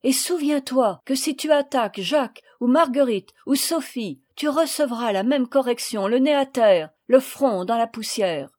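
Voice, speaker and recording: A woman's voice: fairly high pitch, lively intonation, unhurried, hardly any pauses, a little mellow, voice pushed up. A woman reading aloud, voicing a proud, strong boy who speaks firmly in a storybook. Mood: commanding. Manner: firm and commanding.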